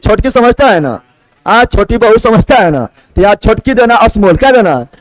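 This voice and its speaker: A man's voice: high voice, expressive, moderate pace, dry recording, poor audio. A man teaching a class, asking the same question again and again and answering it himself. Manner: drilling students with repeated questions. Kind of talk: classroom lecture.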